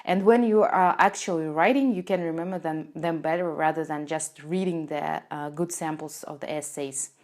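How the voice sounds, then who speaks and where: A Russian-speaking woman who teaches IELTS and runs a channel gives earnest tips straight to camera in a casual video. She explains things step by step at a normal speed with few pauses, using non-native phrasing and lots of "uh" fillers, in a lowish, slightly mellow voice. She's on a lapel mic in a small indoor room with a door behind her.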